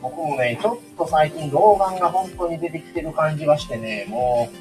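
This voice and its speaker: A man's voice: fairly high pitch, normal speed, far from the mic, music in the background, low-quality recording. A man in his forties with a Kansai accent, co-hosting a casual livestream chat and talking politely with listeners. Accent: Kansai Japanese. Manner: relaxed, chatty, polite with listeners. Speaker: livestream co-host.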